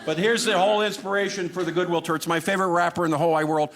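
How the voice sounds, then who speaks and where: This man's voice is high-pitched and a bit bright, his tone steady as he races through his live stand-up set with a dry, sarcastic lilt. He talks straight to the audience, whose laughter and noise fill the noisy recording.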